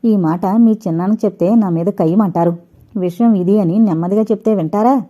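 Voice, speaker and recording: A woman voicing a gentle, trusting middle-aged mother who coaxes softly, in an audiobook reading. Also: mid-range voice, brisk, dull audio, lightly acted. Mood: coaxing.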